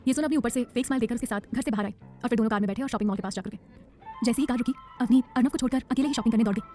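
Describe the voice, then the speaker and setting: A woman narrating a romance audiobook in a rapid, dramatic storytelling style. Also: on the high side, dark tone, faint music behind.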